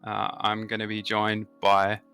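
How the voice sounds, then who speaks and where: A gaming channel host with an Australian accent runs a strategy game session, explaining settings and bonuses in detail and using lots of fillers in his casual gameplay commentary. His voice is on the low side, smooth, pushed and bright, delivered in a monotone at a slightly slow pace. Faint music plays behind.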